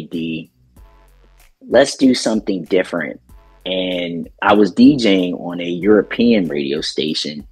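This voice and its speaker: A middle-aged man talking casually in an interview about his radio work, relaxed and rambling, with plenty of ums. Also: low voice, breathy edge. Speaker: DJ and radio station owner.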